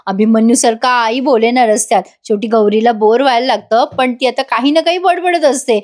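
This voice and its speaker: A woman's voice: fairly high pitch, brisk. A woman giving a chatty voice-over review of a TV serial episode, laughing often and speaking directly to her viewers.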